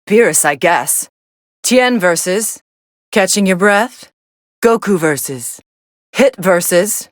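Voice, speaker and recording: An actress playing a cool, sardonic young female android, commentating on fights in a video game with a deadpan, dismissive delivery. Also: mid-range voice, slow pace, long pauses, dry recording, clean studio sound. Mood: cool, detached.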